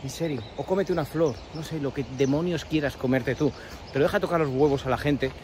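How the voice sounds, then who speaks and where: A Peninsular Spanish man with a slightly raised pitch vlogs on the move, his sarcastic, rambling rant broken by the breathlessness of a steep climb. He is outdoors on a country path. Faint birdsong and open-air hum sit behind his voice. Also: fairly quick. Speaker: vlogger. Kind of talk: walking vlog rant to camera.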